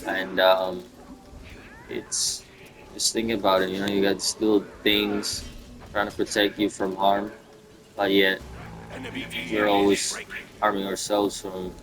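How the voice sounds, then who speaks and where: A young man in his twenties with a lowish voice, musing aloud in a loose, unscripted monologue. He rambles and stops to restart his thoughts, padding them with plenty of fillers. Music plays clearly behind him. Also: monotone, unhurried, pauses often, poor audio. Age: 20s. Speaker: gaming video creator. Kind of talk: casual reflective monologue.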